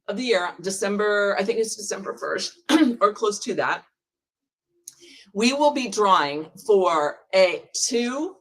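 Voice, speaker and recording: A woman hosting a live prize drawing in a casual, chatty way, laughing often and stumbling over names. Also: mid-range voice. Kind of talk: casual live-stream chat.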